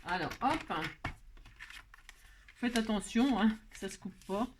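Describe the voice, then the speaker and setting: A woman's voice: on the high side, slow pace, background noise. A woman hosting a crafting tutorial, chatting playfully and talking to herself while she works. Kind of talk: casual craft tutorial talk.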